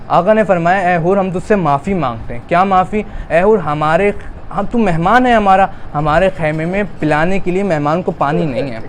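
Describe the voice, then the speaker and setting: A man from Pakistan delivers a Muharram majlis sermon in a fairly high voice. He retells dialogue and builds into a loud, drawn-out lament. Faint street noise sits behind him. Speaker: preacher.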